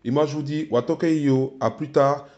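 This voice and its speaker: A man's voice: fairly high pitch, fairly even intonation, a little fast, dull audio. A man with an Ivorian French accent teaching a language lesson, patiently repeating each word several times. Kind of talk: slow spoken language lesson.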